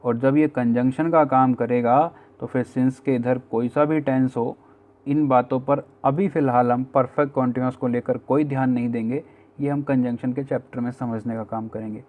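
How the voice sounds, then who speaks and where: A man's voice: mid-range voice, fairly even intonation, moderate pace, phone-quality sound. A male teacher with an Indian accent explaining grammar step by step in a classroom lecture, asking the class rhetorical questions. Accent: Indian English words in Hindi speech. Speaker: English teacher.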